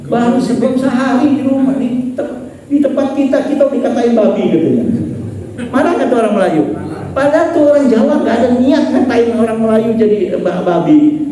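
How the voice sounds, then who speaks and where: A man leads a mosque study class, his voice fairly high yet mellow. He mixes jokey anecdotes with rhetorical questions put to the listeners. The recording sounds distant and heavily echoed, with a long hall reverb and faint noise. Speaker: Islamic preacher teaching a mosque study class.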